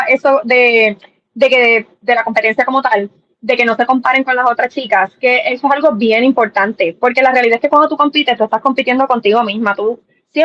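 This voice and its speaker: A young Puerto Rican woman chatting on a live stream, animated, dropping English words and acting out quotes. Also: a little high, muffled recording. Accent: Puerto Rican Spanish. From Puerto Rico. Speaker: former pageant contestant, guest.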